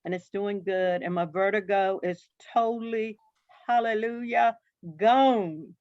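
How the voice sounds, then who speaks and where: A woman on a video call telling her story in an emphatic, animated way. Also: medium pitch, unhurried, dry recording. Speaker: new team member. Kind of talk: casual testimonial on a video call. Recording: dull video call audio.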